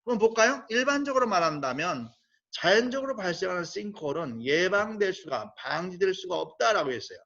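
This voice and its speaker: A male teacher walks through English grammar step by step, with a high voice that rises and falls in lively swings. He keeps asking rhetorical questions and then slows down to spell out English phrases carefully. The recording sounds dull and lo-fi. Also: creaky.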